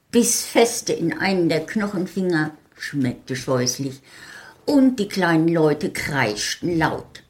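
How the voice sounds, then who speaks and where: A woman reading her own short story aloud in a slow, calm, measured way. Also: deep voice.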